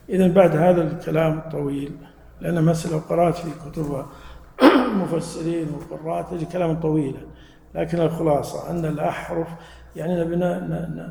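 A man gives a mosque lesson, explaining patiently and testing his listeners with questions. His voice sits a touch high, with a gravelly, mellow grain. The sound rings with the long reverb of a large hall. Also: a little hiss or hum. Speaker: religious teacher. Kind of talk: mosque lesson to a live audience.

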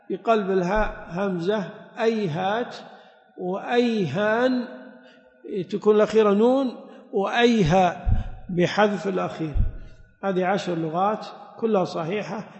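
A man giving a Quran exegesis lesson, explaining step by step and quizzing his listeners with short questions. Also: sits high. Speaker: religious teacher. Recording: echoey hall, dull lo-fi sound.

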